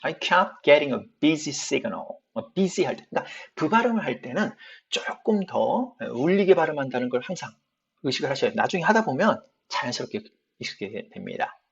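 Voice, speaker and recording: A man teaching English pronunciation in an online lesson, explaining patiently and repeating example phrases slowly. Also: mid-range voice, sing-song, gravelly, slightly rough, dull audio.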